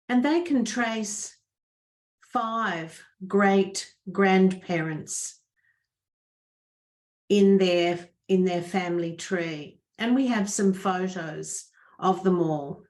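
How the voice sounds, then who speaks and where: Middle-aged woman, measured church talk at an even mid pitch. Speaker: church member and mother. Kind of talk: prepared family talk.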